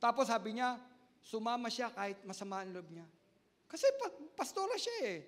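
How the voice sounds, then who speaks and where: Man, pastor, sermon, very high-pitched, emphatic, repeats words, echoing church hall. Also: big pitch swings, moderate pace. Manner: emphatic, repeats key words, swings from loud to soft. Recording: long hall reverb.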